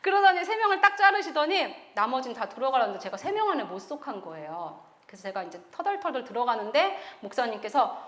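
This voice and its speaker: Woman missionary telling her story, high lively voice, echoey hall. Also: fast talker, few pauses. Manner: animated storytelling, acting out her past self with laughter. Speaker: missionary giving a testimony. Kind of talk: testimony sermon with acted quotes.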